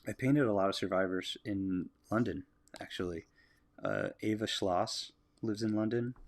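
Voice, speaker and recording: Gravelly-voiced American man chatting while drawing. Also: lowish voice. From United States. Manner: relaxed, musing aloud, chatting with viewers. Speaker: artist livestreaming a drawing. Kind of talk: casual livestream commentary while drawing.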